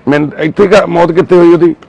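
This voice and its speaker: A man's voice: on the high side, fairly even intonation, quick pace, lo-fi sound, crowd noise. A man working as a social worker, interviewing people on a roadside with probing and consoling questions. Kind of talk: on-the-spot interview.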